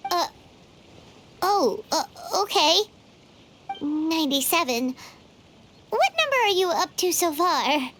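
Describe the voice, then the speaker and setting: A woman voicing a small, perky, childlike fairy companion in a video game, talkative, cheeky and expressive. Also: very high-pitched, takes it slowly, long pauses, a little hiss or hum, heavily acted. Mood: exasperated. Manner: refers to self in third person, expressive, chirpy. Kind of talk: scripted video game dialogue.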